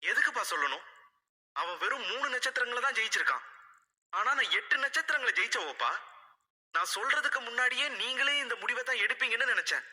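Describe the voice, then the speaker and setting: A proud, fiery young princess, put on by a male storyteller, her voice high, lifting and falling with indignation. She pleads half in tears. A long reverb and faint music sit behind her. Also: expressive, moderate pace, long pauses, heavily acted. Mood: tearful angry. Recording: roomy reverb with soft music.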